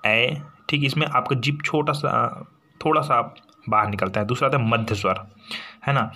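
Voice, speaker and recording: A man's voice: mid-range voice, pushed and bright. A man from India teaching an exam-prep lesson, explaining step by step and answering his own questions, with frequent tag questions.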